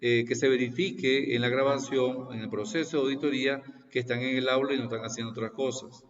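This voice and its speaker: A man in his sixties lectures students on a video call, explaining things slowly and repeating points, often pausing to check they follow. His voice comes from a distance in a roomy space. The call audio sounds dull. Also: mid-range voice, steady tone. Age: 60s. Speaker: university lecturer. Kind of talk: online class introduction.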